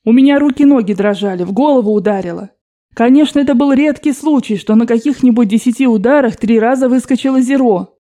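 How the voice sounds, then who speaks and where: Mellow woman reading an audiobook. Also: a little high, fast. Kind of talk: audiobook narration.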